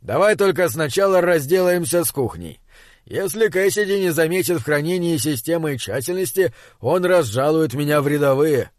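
A man's voice: on the high side, expressive, normal speed, dry recording, lightly acted. An exasperated male spaceship captain, shrewd and bossy, pressing his crew with a raised, impatient voice, as a man reads him. It comes across as a dry, close audiobook read. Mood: businesslike. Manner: impatient, shouting when pressed.

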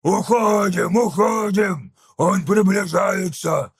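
A man voicing a brutish, bossy male ork mechanic in an audiobook, with a rough, raspy voice and loud bursts of shouting. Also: sits high, pitched above the performer's own voice, full character voice. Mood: shouting orders. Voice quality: gravelly, raspy. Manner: barking, shouting in slow drawn-out bursts.

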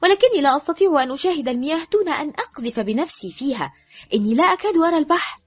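A woman voicing a reckless, sharp-tongued teenage girl with a shrill, mocking voice, in an audiobook. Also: expressive, rapid-fire. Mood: defiant. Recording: dull lo-fi with faint music.

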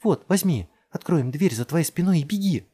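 A desperate mother who barks orders high and loud, commanding and forceful, with a husky grain, as a male narrator takes her part. It is read as a tense scene from an audiobook. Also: sing-song, a little fast. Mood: urgent. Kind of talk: audiobook character voice.

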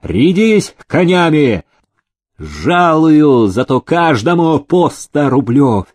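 A man voicing a domineering old factory owner who shouts slow, drawn-out threats. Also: a little high, sing-song, no echo, clean studio sound, voice pushed up, exaggerated voice.

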